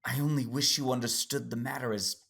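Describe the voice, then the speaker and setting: A husky-voiced man takes on the role of an unhurried-minded, knowing alien Jedi in an audio drama, understated yet gently challenging. He speaks in a mid-range voice at a fairly quick clip.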